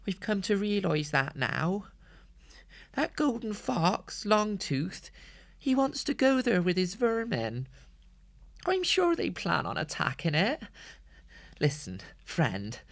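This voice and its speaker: A man's voice: high-pitched, gravelly, voice pushed up, exaggerated voice. A man doing a cheeky young hedgehog. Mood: urgent. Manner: soft, quick-witted, cheeky. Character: young male hedgehog, cheeky lock-picking captive. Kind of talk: audiobook character voice.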